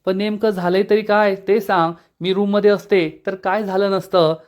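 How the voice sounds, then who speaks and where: A man's voice: high-pitched, little pitch movement, moderate pace, clear, resonant tone, natural voice. A man voicing a playful middle-aged mother in a spoken serial recap, with a light coaxing manner. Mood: teasing.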